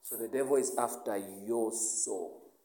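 A man's voice: fairly low pitch, a little slow, warm tone. A man preaching a sermon, asking the listeners questions and answering them himself. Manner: emphatic call-and-response questioning. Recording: echoey room.

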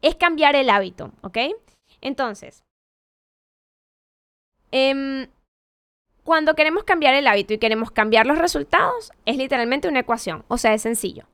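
A woman's voice: high voice, expressive, normal speed, pauses often, fairly bright tone, clean tone, no room sound. A woman giving a conversational motivational talk, asking rhetorical questions and correcting herself as she goes. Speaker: motivational speaker.

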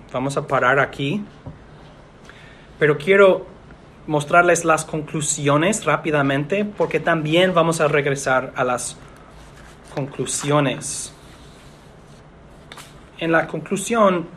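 A man, a pastor, preaching an earnest sermon in a measured way with pauses. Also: on the high side, a bit bright, slight background noise.

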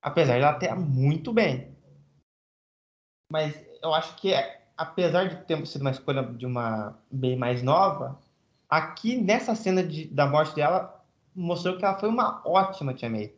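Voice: medium pitch, animated, moderate pace. Voice in a roomy, dull recording. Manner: opinionated, explains at length. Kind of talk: casual film discussion.

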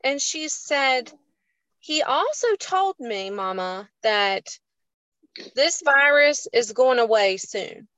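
A woman with a high, expressive, slightly bright voice speaks slowly on a low-quality recording with no room sound. As co-host of a faith show, she earnestly shares a personal story in a casual chat, emotional and folksy in her telling.

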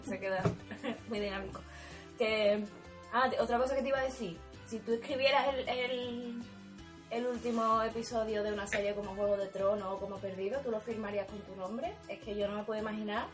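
A woman's voice: mid-range voice, fairly even intonation, fairly quick, over music. A woman co-hosting a podcast, chatting playfully and reading out her comedy script. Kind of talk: casual chat and script reading.

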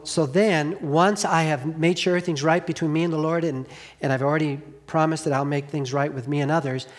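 A middle-aged man preaching a sermon earnestly, asking the congregation questions and dropping to a hush on key lines. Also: a little high. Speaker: pastor.

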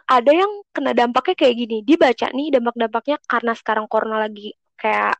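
A woman's voice: on the high side, fast talker, gravelly, dry recording. A young adult woman with a Jakarta Indonesian accent, co-hosting a podcast in casual, slangy conversation. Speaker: podcast co-host.

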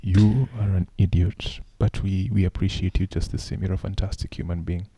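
A man co-hosting a podcast in casual chat, putting on a hushed, low late-night voice in a playful way. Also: little pitch movement, moderate pace, background noise. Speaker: podcast co-host.

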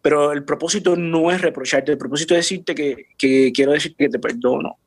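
Man, faith testimony, earnest, restarts words, slightly high pitch, dry recording. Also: a little fast, breathy edge, no echo. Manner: earnest, repeats and restarts words, drops English words into Spanish.

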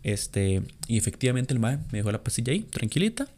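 A man's voice: medium pitch, fast, dark tone. A man with a Costa Rican accent hosting a podcast, rambling through a story with profane, chuckling asides. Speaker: podcast host. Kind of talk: casual storytelling monologue.

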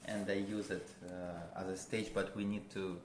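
A man with a Russian accent, a guest musician, talking casually in a halting way, searching for words with many fillers. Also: deep voice, little pitch movement. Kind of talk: casual interview. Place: a friend's house. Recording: roomy with background noise.

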